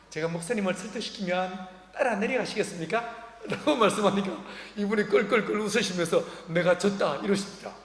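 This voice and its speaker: High-voiced pastor in an echoing hall. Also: male voice. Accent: Korean. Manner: humorous, acts out quoted dialogue. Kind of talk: sermon with storytelling. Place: church sanctuary. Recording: echoey hall reverb.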